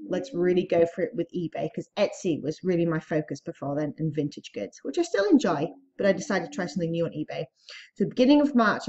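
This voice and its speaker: A woman vlogger at a middle pitch, chatty and upbeat, with small laughs and plenty of ums. She sounds slightly breathless while she talks. The sound is a bit dull and lo-fi, like a simple home video. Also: darkish tone. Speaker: online reseller vlogger. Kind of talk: casual vlog talk to camera.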